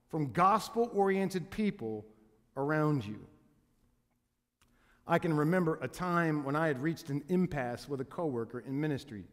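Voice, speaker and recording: A man pastor preaching a sermon in earnest, with frequent restarts and repeated words. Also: high voice. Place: church sanctuary. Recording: long reverb of a church hall.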